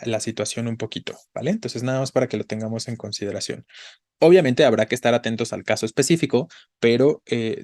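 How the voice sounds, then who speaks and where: A male teacher leads a grammar lesson in a patient, explaining manner. He checks in with his students constantly and slows down to break words into syllables. His voice sits at an ordinary pitch and is recorded dry, with no room echo. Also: a little mellow. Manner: patient, checks in with frequent "¿no?" and "¿vale?"; spells out syllables slowly. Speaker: Spanish teacher. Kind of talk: online grammar class.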